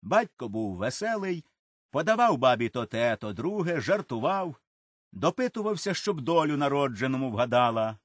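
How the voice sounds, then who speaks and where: A man reads a folk story aloud with an expressive, lively delivery. His pitch moves a lot, at a middle register, and the recording is dry and close with no room sound. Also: moderate pace, no room sound. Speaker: narrator. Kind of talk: storybook reading.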